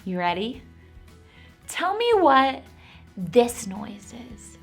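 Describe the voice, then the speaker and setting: An animated, encouraging woman who teaches a Bible lesson to preschool children. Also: on the high side, drawn-out words, over loud music.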